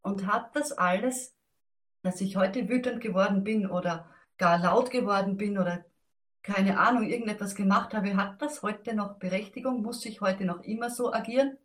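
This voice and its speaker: A woman speaking gently and reflectively about letting go of anger, thinking aloud as she goes. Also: mid-range voice, normal speed. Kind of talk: calm talk on self-help and letting go.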